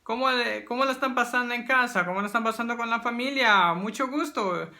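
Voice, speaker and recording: A man's voice: very high voice, fairly quick, pushed and bright. A man, a primary school teacher, giving a friendly video lesson to children, speaking to the pupils directly with frequent hesitations.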